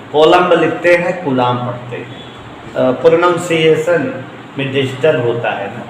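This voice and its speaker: A male physics teacher giving a classroom lecture to students, repeating key points with emphasis and joking asides. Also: medium pitch. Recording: echoey room with long reverb, faint noise.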